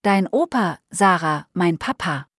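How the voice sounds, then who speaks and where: Grown son read by a woman, earnest, sorry, slow, dry close sound, storybook. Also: on the low side, animated, a bit bright, slightly rough, no echo, heavily acted. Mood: delighted. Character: grown son, a young father, remorseful.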